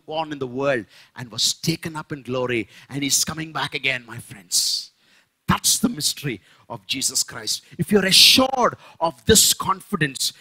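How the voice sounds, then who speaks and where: Indian-accented male preacher, high lively voice, bright and a little husky, emphatic sermon delivery. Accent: Indian English. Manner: emphatic, rising to shouts on key phrases. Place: church.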